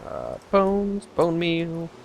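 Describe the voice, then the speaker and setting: A man's voice: on the high side, huge pitch swings, drawn-out words, creaky, a little hiss or hum. A young man hosting a casual let's play, rambling through his plans with sarcastic asides and frequent laughs. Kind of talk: casual gameplay chat.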